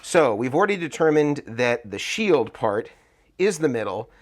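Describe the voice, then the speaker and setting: A man's voice: medium pitch, sing-song, normal speed, faint music behind. An American man talking through a face mask that muffles him, explaining a hands-on tutorial step by step. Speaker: tutorial host, guitar rig builder.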